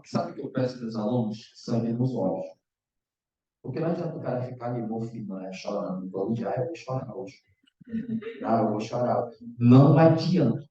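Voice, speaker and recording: Math teacher guy, casual, keeps asking if u got it, mellow voice, very echoey lo-fi sound. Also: medium pitch. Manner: casual, checks in often with the students. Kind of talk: online exam-prep lecture. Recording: echoey, distant, dull lo-fi room sound.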